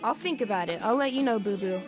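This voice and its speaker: A woman's voice: mid-range voice, animated, quick pace, soft background music. A woman hosting a gaming video, talking casually. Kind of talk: casual gamer talk.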